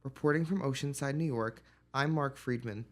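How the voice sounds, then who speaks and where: A male news reporter delivers a scripted report. His voice sits at an ordinary middle pitch and follows the formal style of news narration. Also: normal speed.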